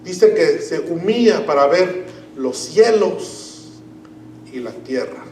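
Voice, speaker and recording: A man preaching a sermon in a church, teaching slowly and deliberately and leaning hard on key words. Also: on the high side, animated, a little mellow, faint music behind. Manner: slow, deliberate Bible teaching with emphatic stresses. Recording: echoey room, mic at a distance.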